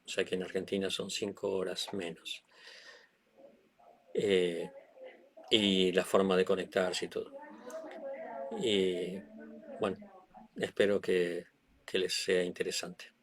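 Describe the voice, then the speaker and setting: A man giving a class to a community group, talking slowly and hesitantly with frequent fillers. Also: low-pitched. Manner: slow, hesitant, many fillers. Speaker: teacher. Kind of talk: class talk.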